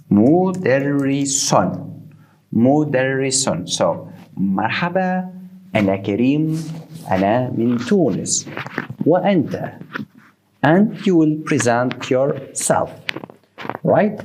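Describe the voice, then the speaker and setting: A Tunisian Arabic teacher with a mid-range voice gives a beginner language lesson, speaking slowly yet animatedly. He is deliberate, repeating words for the learner, and his English phrasing is non-native.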